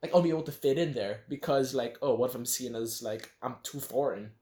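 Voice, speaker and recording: A man's voice: medium pitch, a little fast, warm tone. A young man in his late teens co-hosting a casual podcast chat, rambling with lots of fillers and restarts. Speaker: podcast co-host. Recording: roomy echo.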